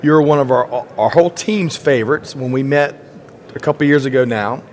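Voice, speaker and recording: A man's voice: mid-range voice, normal speed. Male podcast host, upbeat and talkative, interviewing at a conference. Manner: upbeat, chatty, frequent fillers. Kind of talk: enthusiastic interview hosting. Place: conference expo floor.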